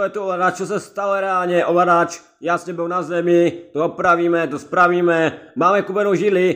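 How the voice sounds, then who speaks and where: A man with a high-pitched voice running through a let's-play, talking straight to his viewers and repeating himself as he goes. He has a head cold and keeps up a loose, rambling commentary over the game. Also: bright, forceful tone. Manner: chatty, repetitive, keeps addressing viewers. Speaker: gaming let's-play creator. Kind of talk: casual gameplay commentary.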